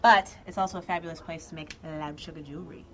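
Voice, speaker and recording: While showing viewers around backstage at a TV studio, a woman in her thirties who works as an actress chats casually, giggles and makes playful asides. She talks fast in a low, steady tone over background noise, and the web video audio is slightly dull.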